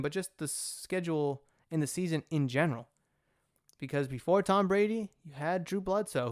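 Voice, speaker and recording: A man's voice: fairly high pitch, clean tone. A young man hosting a solo sports talk podcast, opinionated and rambling, often correcting himself mid-sentence. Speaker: podcast host.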